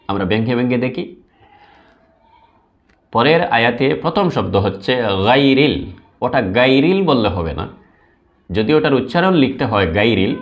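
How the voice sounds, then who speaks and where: A man teaching recitation, breaking words into parts, repeating them slowly and drawing out each recited phrase. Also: mid-range voice. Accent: Bangladeshi Bengali. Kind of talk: slow step-by-step pronunciation lesson.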